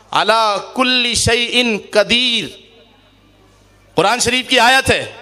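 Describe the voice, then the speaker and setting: High, bright-voiced impassioned male preacher. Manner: impassioned, rising to shouts and dropping low; recites Arabic verses slowly. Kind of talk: sermon. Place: mosque or madrasa gathering.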